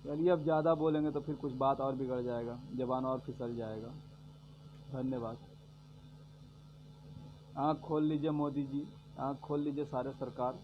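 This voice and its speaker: A man giving a sarcastic political rant, repeating his points and swinging between loud jabs and low mutters. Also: level tone, normal speed, pauses often. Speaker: vlogger giving political commentary. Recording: dull lo-fi audio with faint hum.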